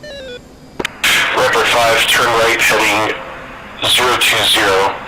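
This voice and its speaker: A man's voice: medium pitch, wildly swooping pitch, slow pace. A man acting as an air traffic controller in a flight sim, giving procedural instructions over the radio. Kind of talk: military radio procedure role-play. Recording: noisy radio channel with engine noise.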